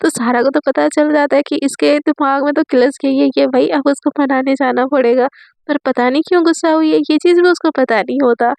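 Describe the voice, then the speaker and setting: A high-voiced woman tells a romance story in a casual, chatty way, her throat dry from fasting. Her voice has a gravelly fry, and the recording sounds close and dry. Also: fairly even intonation, a little mellow, dry recording.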